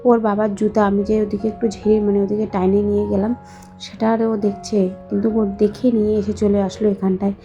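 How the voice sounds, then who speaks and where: A young woman with a hoarse voice from a cold, chatting slowly and softly to her viewers in a voice-over for her home vlog. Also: mid-range voice, level tone, highs cut off, faint music behind. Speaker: vlogger, housewife.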